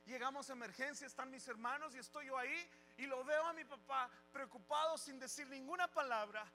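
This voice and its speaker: A male pastor preaching with passion, his voice pitched unusually high with a bright, forceful edge. He presses his listeners with pleading rhetorical questions, building intensity. Faint music plays in the background. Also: a little fast, poor audio. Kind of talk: sermon.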